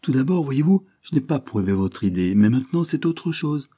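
A man's voice: medium pitch, expressive, normal speed, dark tone, breathy edge, pitched above the performer's own voice. A man reading the lines of a domineering elder sister, insistent and scolding.

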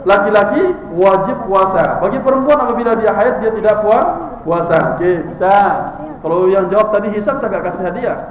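High-voiced male teacher in an echoey hall. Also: normal speed. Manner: quizzes the audience and repeats their answers. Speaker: religious teacher. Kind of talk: interactive religious class for teenagers.

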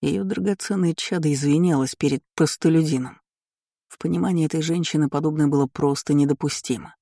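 A man reading a first-person fantasy story aloud in an even, measured narrating voice. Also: fairly high pitch, vocal fry, no echo, clean studio sound. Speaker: audiobook narrator.

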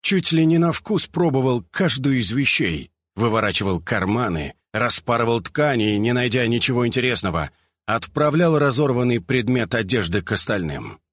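A man narrating an audiobook in an expressive storytelling manner. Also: mid-range voice, normal speed, slightly rough, dry recording.

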